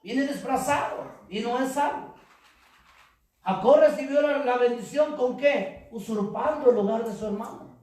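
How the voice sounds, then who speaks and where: A man preaching a sermon as pastor, rising into shouts and calling for congregation responses. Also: very high-pitched, unhurried. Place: church hall. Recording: very echoey hall, mic far off.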